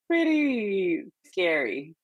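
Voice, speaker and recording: A woman's voice: medium pitch, big pitch swings, very slow, highs cut off, crowd noise. A middle-aged woman from Hungary with a Hungarian accent, speaking candidly and earnestly as a podcast guest, laughing lightly between phrases. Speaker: guest, perinatal therapist. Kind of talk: conversational interview.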